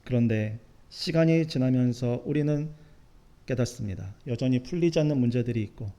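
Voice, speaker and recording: A man's voice: medium pitch, normal speed, warm tone. A man preaching a Sunday sermon as pastor, telling everyday stories and acting out the lines of churchgoers. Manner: storytelling, acts out dialogue of churchgoers. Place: church sanctuary.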